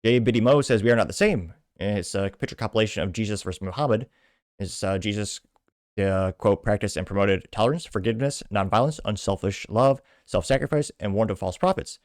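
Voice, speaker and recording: Reading posts and riffing casually on politics, a podcast host from the Midwestern United States speaks a little fast in a fairly low, slightly mellow voice. The sound is clean studio audio with no room sound.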